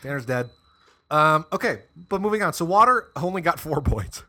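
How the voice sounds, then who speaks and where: A young man co-hosting a podcast in casual, animated chat, swearing and laughing often. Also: a little high, moderate pace. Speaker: podcast co-host.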